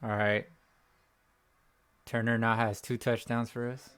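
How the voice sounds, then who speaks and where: A man's voice: medium pitch, little pitch movement, unhurried, a bit bright, clean tone. A young man hosting a fan channel, ranting in frustration after a game, repeating himself and rambling. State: voice cracking. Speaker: sports fan channel host. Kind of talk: post-game reaction rant. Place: at home.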